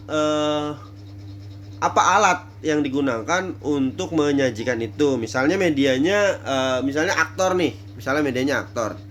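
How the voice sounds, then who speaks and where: A man's voice: fairly high pitch, fairly bright tone, a little hiss or hum. A man giving a casual theater lecture, thinking aloud with many fillers and restarts.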